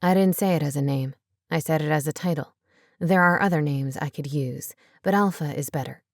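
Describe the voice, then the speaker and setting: Calm, mocking man voiced by a woman narrator, pitched down, dry recording. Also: a little fast, dry recording. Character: cool taunting man, a clone's rival.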